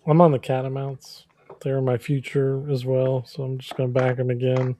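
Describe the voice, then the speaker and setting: A man in casual betting chat, calmly laying out the context behind his pick. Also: mid-range voice, normal speed, slight background noise. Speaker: co-host.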